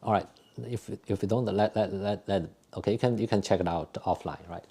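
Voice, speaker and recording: A man's voice: fairly low pitch, husky. A man instructing a live tai chi and qigong class in a conversational, step-by-step way. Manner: hesitant, repetitive, conversational when explaining; gentle, unhurried step-by-step cueing during exercises.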